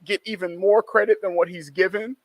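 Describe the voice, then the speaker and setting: A man with a high voice hosts a casual podcast interview. He sounds eager and supportive as he prompts his guest. The recording is dry and close, with no room sound. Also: steady tone, a little fast, no room sound. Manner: enthusiastic, affirming, asks friendly questions. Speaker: podcast host.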